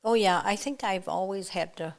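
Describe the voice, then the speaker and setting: Older woman with a gravelly voice. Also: mid-range voice. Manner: halting, trails off and restarts often. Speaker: podcast guest. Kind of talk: casual interview chat.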